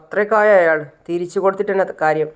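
A woman's voice: medium pitch, steady tone, fast talker, smooth, natural voice. A woman voicing a stern, protective older brother set on revenge, in a retold serial story. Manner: stern, commanding.

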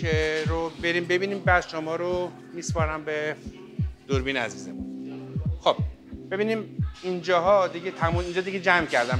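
Guy vlogging a hotel buffet, kinda high voice, chatty, music playing under him. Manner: chatty, addresses viewers as friends, many fillers. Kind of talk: walking tour commentary. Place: hotel buffet restaurant, indoors. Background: background music.

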